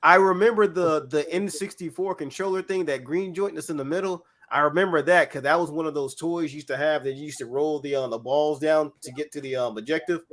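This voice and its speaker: A man in his thirties talks through gaming memories in a relaxed podcast chat. His voice sits a little high, and he laughs easily as he goes. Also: brisk, few pauses. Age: 30s. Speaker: podcast co-host. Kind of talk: casual chat.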